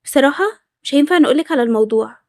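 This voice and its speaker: A woman's voice: sits high, racing, no room sound, studio quality. A woman with an Egyptian accent voicing school friends who defensively plead that they were not laughing. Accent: Egyptian Arabic.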